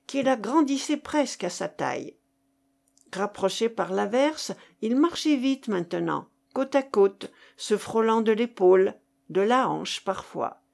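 A woman narrating a classic novel aloud in a measured, expressive reading. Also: mid-range voice, gravelly. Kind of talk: audiobook reading of classic fiction.

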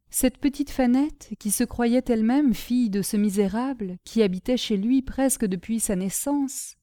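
A woman voicing a kindly old male marquis who speaks to his nephew in an indulgent, gently teasing way. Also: a little high, no echo, studio quality, close to an everyday voice.

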